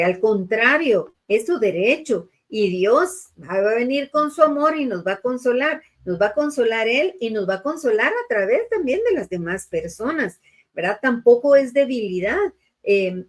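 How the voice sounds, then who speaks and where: A middle-aged woman hosting a show, talking earnestly about grief and faith and speaking straight to her listeners. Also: medium pitch. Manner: earnest, addresses listeners directly, frequent tag questions. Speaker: radio or TV show host.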